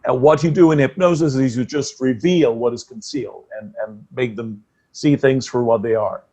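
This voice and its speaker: A man's voice: medium pitch, normal speed, mellow. A man hosting an interview, asking questions in a hesitant way full of fillers. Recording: dull lo-fi audio.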